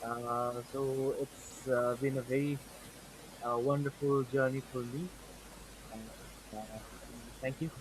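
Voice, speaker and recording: Hesitant man from Nepal, quiet and far off on a noisy video call. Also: mid-range voice, little pitch movement, slow pace, pauses often. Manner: hesitant, many fillers. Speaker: meeting participant. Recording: distant mic, noisy line.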